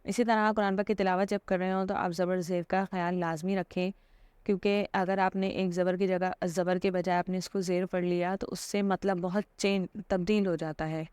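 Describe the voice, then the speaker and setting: A woman with a lowish, smooth and clear voice talks through a religious lesson. She explains patiently, pausing on fillers and checking in with listeners. The sound is close and dry, with no room around it. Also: level tone, a little mellow, no room sound. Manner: patient and explanatory, with many fillers and repeated "theek hai". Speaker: Islamic teacher.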